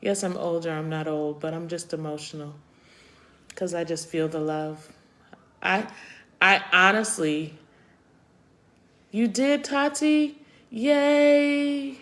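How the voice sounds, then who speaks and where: A woman's voice: sits low, fairly even intonation, measured pace, long pauses, sharp tone. A middle-aged woman hosts a casual live chat, talking straight to her viewers. She speaks her mind bluntly and turns tender and emotional, getting choked up as she talks. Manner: opinionated, reacting to viewer comments. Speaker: host of a live chat show.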